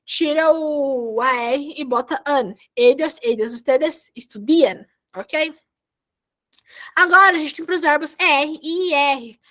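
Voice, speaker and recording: A woman's voice: sits high, slow pace, a bit bright. A woman teaching a Spanish grammar class over a video call, explaining verb endings patiently step by step and repeating herself often.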